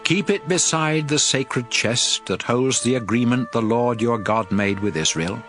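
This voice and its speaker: An actor playing Moses, an aged, solemn and commanding Israelite leader, exhorting in a declamatory dramatized scripture reading. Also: male voice, mid-range voice, unhurried, fairly bright tone, soft background music, natural voice. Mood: solemn, stern.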